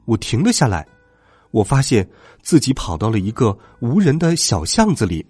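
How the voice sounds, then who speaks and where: A man narrating a children's bedtime story in an expressive, dramatic way. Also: mid-range voice, normal speed, slightly rough, no room sound, soft background music.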